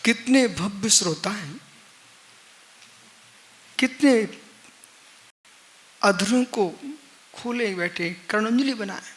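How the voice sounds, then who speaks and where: Male monk preacher, high and bright, unhurried; repeats short refrains, shifts from forceful stress to quiet. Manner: slow, repetitive teaching with emphatic refrains and rhetorical questions; swings between loud stress and near-hushed low lines. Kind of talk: live religious discourse.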